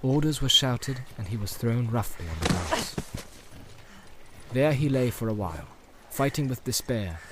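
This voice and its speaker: Male audiobook narrator, mid-pitched, measured and dramatic, noisy background hiss. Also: lively intonation. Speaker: audiobook reader. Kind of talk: scripted fantasy narration.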